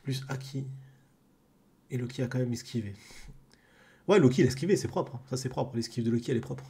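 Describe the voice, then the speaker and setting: Husky French streamer, slangy chat. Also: male voice, mid-range voice, fairly quick, mellow. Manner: slangy, joking, laughs often. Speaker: streamer reading a manga chapter. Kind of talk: casual live reading and reaction.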